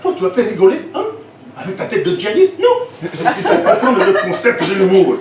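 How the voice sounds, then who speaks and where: A man's voice: sing-song, brisk, crowd noise. A man doing a scolding Congolese father. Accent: Congolese French. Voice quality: loud, scolding, high and strained. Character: shouting strict Congolese father. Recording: echoey club room, mic far, noisy.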